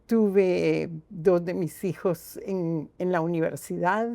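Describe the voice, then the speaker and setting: Older Costa Rican woman, gravelly and warm. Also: on the low side, fairly even intonation, takes it slowly, no room sound. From Costa Rica. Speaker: guest. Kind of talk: reflective personal storytelling.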